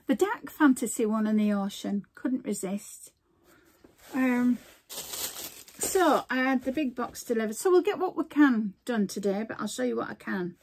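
An older woman, chatting casually as she shows off craft supplies at home, rambling and breaking off mid-sentence. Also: fairly high pitch. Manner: chatty, rambling, self-interrupting. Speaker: crafting vlogger. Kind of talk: casual show-and-tell chat.

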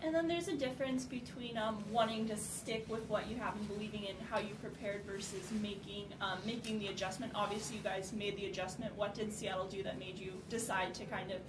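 A female reporter asking a measured question at a press conference. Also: medium pitch, fairly even intonation. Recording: echoey room, far from the mic, noisy.

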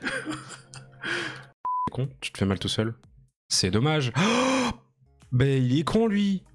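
Guy streaming a game, slow drawl, voice swings all over, cracks up constantly. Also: mid-range voice, very animated. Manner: laughs often, crude and joking. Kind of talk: casual gaming stream chat. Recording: music playing under the voice. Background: background music.

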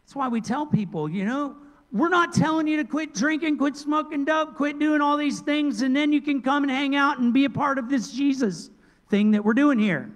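A middle-aged male pastor preaching a sermon into a handheld mic, moving between loud emphatic points and quiet asides. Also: very high-pitched, normal speed. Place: large church sanctuary. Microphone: handheld microphone. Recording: long church reverb.

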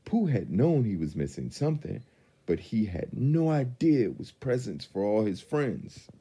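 A man reading a storybook aloud in a deep, gravelly voice, very mellow and dark in tone. He reads with lively, animated expression, rising and falling across the lines, and a husky grain. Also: measured pace. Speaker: Santa storyteller.

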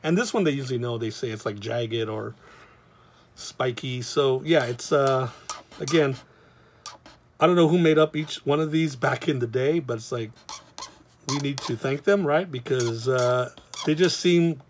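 Chatty comics teacher. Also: male voice, mid-range voice, unhurried, slight background noise. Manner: rambling, loose and chatty, with many fillers. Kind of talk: casual drawing tutorial.

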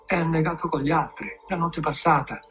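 Male reader as an old sailor muttering dark omens, slow. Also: on the high side, steady tone, faint music behind, lightly acted. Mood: ominous.

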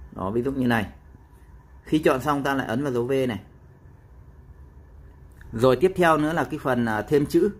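A man explaining a phone app step by step in a casual tutorial, with frequent pauses and fillers. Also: medium pitch, husky.

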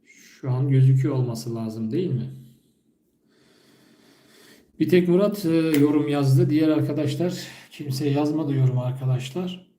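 A man whose first language is Turkish, teaching basic German phrases during a live stream and repeating each one slowly and carefully. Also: a little high, mellow, echoey room. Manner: slow, careful repetition of phrases.

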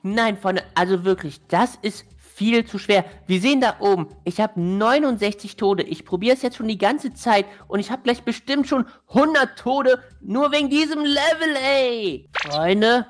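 A woman's voice: on the high side, animated, measured pace, few pauses. A woman hosting a gaming channel, giving casual gameplay commentary and exclaiming in frustration at a hard level. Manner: frustrated, exclaiming, addressing viewers as friends. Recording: faint background music.

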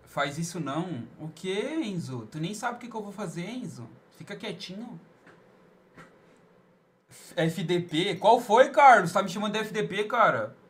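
A man's voice: sits high, animated, normal speed. A young man live-streaming a game, chatting with viewers in a teasing, over-the-top way.

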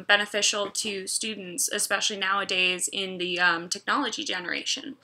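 A woman's voice: mid-range voice, pushed and bright. A young woman recording a class response at home on her computer, reading quotes aloud and commenting with frequent ums. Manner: reads quotes then comments, many ums. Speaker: education student. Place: home room with puppies. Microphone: computer mic.

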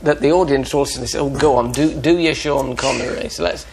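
A man's voice: mid-range voice, brisk, vocal fry, noisy background. A male TV talk show host, jovial and chuckling as he interviews a guest.

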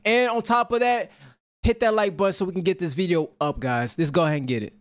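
A man's voice: high voice, fast. Hyped young man reacting with slang. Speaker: reaction channel host. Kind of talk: casual reaction commentary. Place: home room. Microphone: headset with desk mic.

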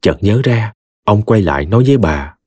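A man with a Mekong Delta Vietnamese accent narrating a humorous story in a lively, expressive way. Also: lowish voice, moderate pace, breathy edge, dry recording. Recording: dry close studio voice, soft music behind.

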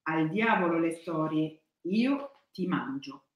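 A woman's voice: low-pitched, lively intonation, slow, highs cut off. A woman voicing a hungry, stubborn male wolf who talks bluntly and greedily. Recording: echoey room.

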